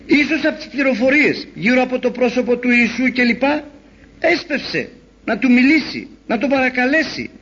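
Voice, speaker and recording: A man preaching a sermon in an animated storytelling way, acting out the voices he quotes. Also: very high voice, breathy edge. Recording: dull lo-fi recording.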